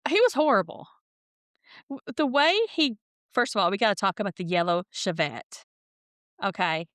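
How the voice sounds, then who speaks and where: Very animated, with a medium pitch, moderate pace and fairly bright tone, she is a podcast co-host older than her partner. Her talk is casual and full of laughter as she tells stories, recorded in clean studio sound without echo.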